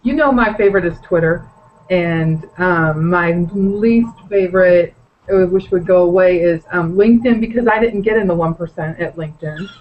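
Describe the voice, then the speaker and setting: A woman's voice: lowish voice, normal speed, dull audio. A woman guest in a casual video call chat, joking and self-mocking.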